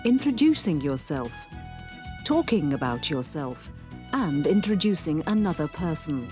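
A woman with a low voice that still moves expressively, narrating a scripted English-learning programme. She speaks clearly and encouragingly, with music playing behind her. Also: very animated, measured pace.

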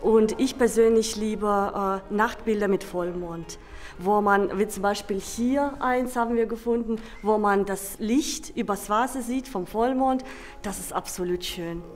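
A woman's voice: medium pitch, a little slow. A woman talking casually in an interview, in a personal, appreciative way.

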